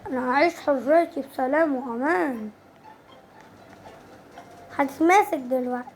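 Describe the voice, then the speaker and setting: A woman with an Egyptian Arabic accent giving casual, excitable gameplay commentary, breaking into sudden squealing exclamations. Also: sits high, moderate pace, a little hiss or hum. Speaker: gaming channel host.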